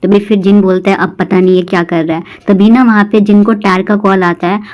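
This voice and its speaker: A woman's voice: medium pitch, steady tone, brisk, a little mellow, poor audio. A woman casually retelling a drama episode, voicing each character's lines in quotes. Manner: retells each scene in quoted lines, plain conversational delivery. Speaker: drama recap narrator. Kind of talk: casual storytelling recap.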